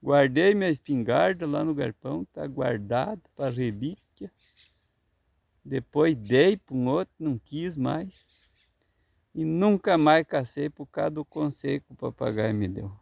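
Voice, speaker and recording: Older gaúcho grandfather, folksy earnest storyteller; high, gravelly voice, dry close recording. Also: animated, measured pace, a little mellow, no echo, dull audio. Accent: Southern Brazilian (gaúcho). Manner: folksy, earnest, insisting it is true. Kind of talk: telling a tall tale.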